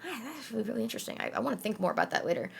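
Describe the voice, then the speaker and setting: A woman's voice: medium pitch, sing-song, racing, gravelly, husky. A young adult woman streamer with a slight lisp, chatting casually with her viewers in a rambling way, full of fillers and swearing.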